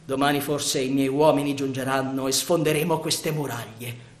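A man's voice: medium pitch, fairly even intonation, moderate pace, close to an everyday voice. A man voicing a bold, passionate pirate chief in an audiobook reading, ardent and declamatory. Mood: tender. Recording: roomy echo.

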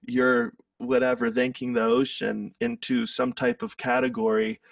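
Male podcast guest, gravelly, reflective and sincere, slightly off mic. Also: mid-range voice, very animated, a little slow, no echo, far from the mic. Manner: earnest, reflective, swears casually. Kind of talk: casual chat.

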